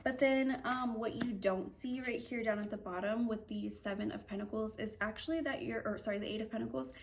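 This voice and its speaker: A woman's voice: fairly high pitch, fairly even intonation, brisk, gravelly, a little hiss or hum. A young woman giving a casual tarot reading, chatty and upbeat, with lots of fillers as she rambles. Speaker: tarot reader.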